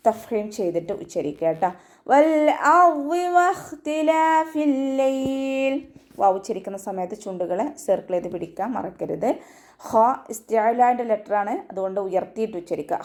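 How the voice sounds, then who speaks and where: Woman, recitation teacher for an online tajweed class, warm, mid-pitched, methodical. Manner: steady step-by-step instruction, often ending with a gentle check-in; breaks into slow, high, sustained chanting for verse examples.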